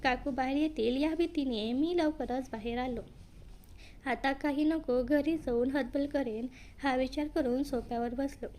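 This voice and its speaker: High-voiced woman narrating a story. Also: unhurried, mellow. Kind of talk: first-person story narration.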